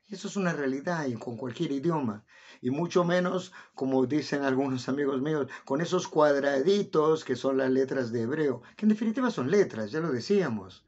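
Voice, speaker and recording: A man's voice: medium pitch, lively intonation, normal speed, darkish tone. A middle-aged man talking casually to viewers, asking them questions directly. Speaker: vlogger explaining life in the country. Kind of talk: casual explanatory talk to viewers. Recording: dull lo-fi recording.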